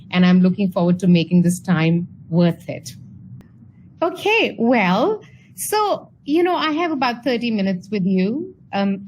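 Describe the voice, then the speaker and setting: A woman from India presents to an online audience in a chatty, unpolished way, dotting her sentences with fillers and small restarts. Her voice sits at an ordinary pitch for a woman. A faint noise runs under the video-call audio. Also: rough recording. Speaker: speaker at an online talk.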